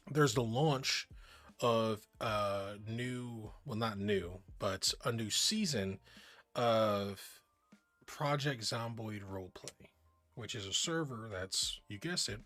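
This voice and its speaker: A man's voice: on the low side, a bit bright. A man streaming a tabletop game, chatting casually and rambling through the week's plans, with some swearing.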